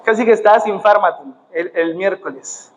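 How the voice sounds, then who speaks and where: A man's voice: sits high, moderate pace, slight background noise. A young man with a Colombian accent preaching a sermon in church, often adding "amén" and "gloria a Dios". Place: church sanctuary. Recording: dull muffled sound in a reverberant church.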